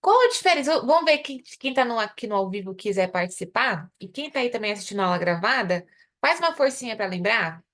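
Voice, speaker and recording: Brazilian woman, young adult, English teacher on a live class, medium pitch, slows down to drill example phrases. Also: big pitch swings, fairly bright tone. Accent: Brazilian Portuguese. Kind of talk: live online English lesson.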